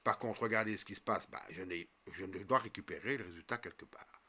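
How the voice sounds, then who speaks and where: A man walking viewers through a coding tutorial step by step as he types, with frequent fillers and quick self-corrections. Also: sits low, sharp tone. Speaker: programming tutor. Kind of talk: screen-recorded coding tutorial.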